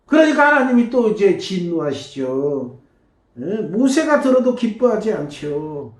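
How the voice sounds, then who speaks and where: A man's voice: high voice, sing-song, measured pace. A male pastor giving a sermon in a chatty, conversational manner, often tagging his points with a questioning "eh?". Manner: conversational, tags lines with rhetorical "eh?". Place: church. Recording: echoey church room.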